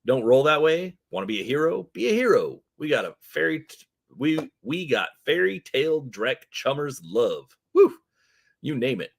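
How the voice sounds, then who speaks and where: A man voicing a twitchy, shifty male orc drug dealer with fast, wheedling street slang. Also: fairly high pitch, sing-song, vocal fry, voice pushed up, exaggerated voice. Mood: hustling.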